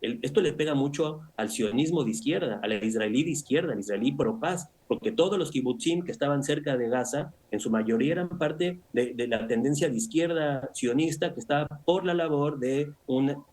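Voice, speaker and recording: A man speaking as an analyst guest in a news interview, measured and analytical, often tagging his points with rhetorical questions. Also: fairly high pitch, darkish tone. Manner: measured, analytical, with frequent "o sea" and "¿no?".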